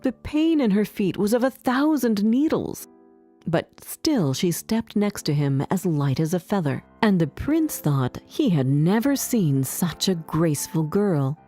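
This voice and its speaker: Woman reading a fairy tale aloud, low mellow voice, lively and clear, soft music behind. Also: measured pace. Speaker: story narrator. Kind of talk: scripted storybook narration for English learners.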